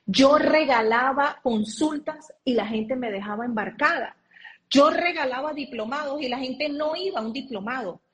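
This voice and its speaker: A woman's voice: high-pitched, normal speed. A woman speaking as an interview guest over a video call, earnestly explaining and drawing on her own experience.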